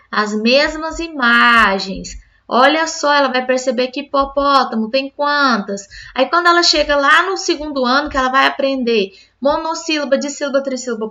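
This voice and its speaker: A woman's voice: high voice, pushed and bright, dull audio. A woman teacher explaining a classroom literacy activity to other teachers, often checking in with her listeners. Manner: explanatory, addresses listeners as "gente" with frequent "tá?".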